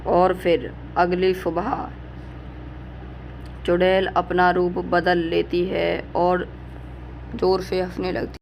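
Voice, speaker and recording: Flat, even story narrator. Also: medium pitch, slow pace, gravelly, pauses often, slight background noise.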